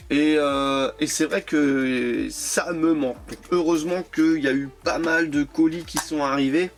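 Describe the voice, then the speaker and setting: A man chatting casually while unboxing and reviewing his die-cast toy cars, hesitant and full of repeated words. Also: on the high side. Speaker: toy car collector vlogger.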